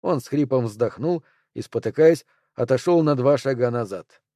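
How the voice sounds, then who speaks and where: A man narrating an audiobook in a measured, steady way. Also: medium pitch, no room sound, clean studio sound.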